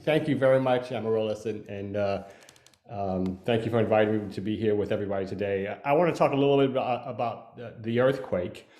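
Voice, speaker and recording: A man with a very low, dark voice gives a panel talk over a video call, halting often with fillers and restarts. His delivery stays flat and even. The sound is roomy, with a clear echo. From Haiti. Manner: hesitant, many fillers and restarts. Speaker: panelist, earthquake engineer.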